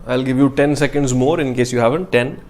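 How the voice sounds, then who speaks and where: An online exam-prep chemistry teacher with a North Indian accent runs a casual live class in English peppered with Hindi phrases, speaking to students directly with short check-ins. His mid-range, darkish voice moves briskly with fairly even intonation.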